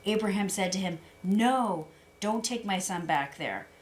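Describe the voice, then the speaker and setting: Calm woman reading scripture aloud. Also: medium pitch, unhurried. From United States. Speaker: guest reader. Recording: faint background noise.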